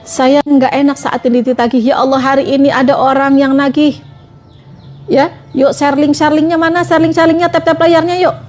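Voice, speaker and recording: High-voiced woman preaching on a livestream. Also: flat delivery, normal speed, darkish tone, faint music behind. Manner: repetitive, coaxing, addresses listeners as friends. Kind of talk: livestream religious talk.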